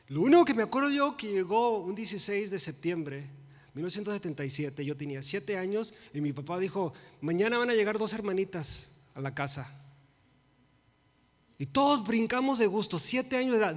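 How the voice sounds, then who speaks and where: In a church sanctuary, a preacher in his forties mixes English phrases into his Spanish sermon, his fairly high voice climbing to loud emphasis and dropping to hushed pleas. The hall's long reverb rings around every word.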